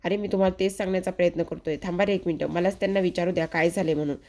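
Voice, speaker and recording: Woman doing a young guy begging everyone to believe him, talks fast, lowish soft voice. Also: steady tone, natural voice. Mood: pleading. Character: flustered young man pleading his innocence.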